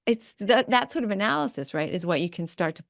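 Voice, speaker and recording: A woman's voice: medium pitch, lively intonation, quick pace, gravelly, dry recording, clean studio sound. A woman hosting a podcast, chatting casually and rambling with frequent restarts. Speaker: podcast host. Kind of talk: casual interview chat.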